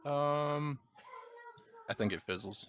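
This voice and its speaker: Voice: medium pitch, slow pace, fairly bright tone, a little hiss or hum. A player talking casually through moves in a tabletop game, matter-of-fact and thinking things over.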